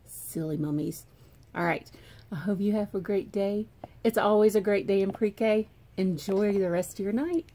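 A woman, a preschool teacher, reading a picture book aloud to young children in an animated, expressive way, with hushed asides, recorded on a phone camera. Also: mid-range voice, normal speed.

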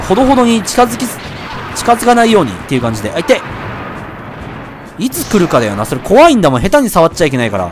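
A man giving excited commentary while playing a video game, yelping and shouting whenever he takes a hit. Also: sits high. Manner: excitable, yelps and shouts at hits. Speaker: let's play gamer.

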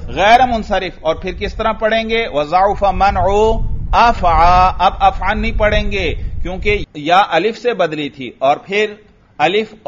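Pakistani male grammar teacher, a bit high-voiced, drills his class with his own questions and answers, muffled lo-fi sound. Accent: Pakistani Urdu. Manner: asks students questions and answers them himself, often adds "bhai"; recites Arabic text slowly in a chanting tone. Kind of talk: classroom lecture.

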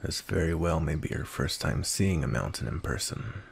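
In a roleplay ASMR, a man plays a grumpy, cold, commanding vampire knight, his voice husky, gravelly, and extremely low. He speaks sternly and in a measured way, yet sounds animated, with slight background noise.

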